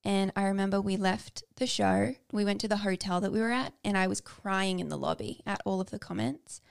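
A woman's voice: mid-range voice, brisk, vocal fry, smooth. A young woman co-hosting a podcast, candidly telling personal stories in casual chat. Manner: candid, personal storytelling with fillers. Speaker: podcast co-host.

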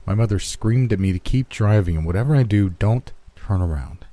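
Deep, dark-voiced male horror narrator. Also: fairly quick, a little hiss or hum. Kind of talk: scripted narration.

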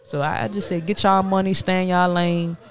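A woman in her late twenties, about to turn 30, talks candidly and casually as a podcast guest, using street slang and repeating herself for emphasis. Her voice is fairly low with fairly even intonation, and she speaks a little fast.

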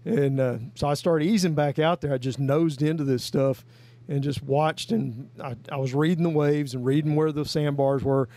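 Man, casual storytelling, folksy, rambling, fairly high voice. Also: steady tone, moderate pace, dark tone. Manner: folksy, rambling, with many "I mean" and "you know". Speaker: guest storyteller.

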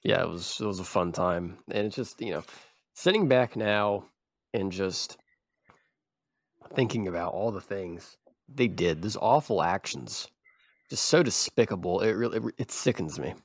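A man hosting a podcast, rambling and halting in mock-serious grief. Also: deep voice, lively intonation, dry recording, studio quality. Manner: rambling, halting, feigned grief breaking into laughter. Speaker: podcast host.

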